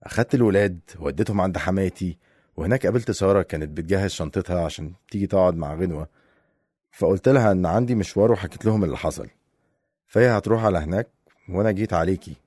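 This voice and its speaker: A troubled husband in an Egyptian audio drama, acted by a man speaks in a low, husky voice. He talks quickly, and the recording is dry and close. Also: a little mellow, dry recording. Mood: worried. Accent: Egyptian Arabic. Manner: troubled, reassuring. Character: worried husband recounting a strange attack.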